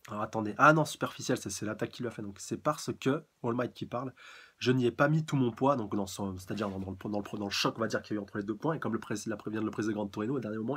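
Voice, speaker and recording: Husky fast-talking man reviewing a comic. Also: on the low side, a bit bright. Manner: halting, searching for words with many restarts. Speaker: manga reviewer. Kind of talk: casual live review commentary.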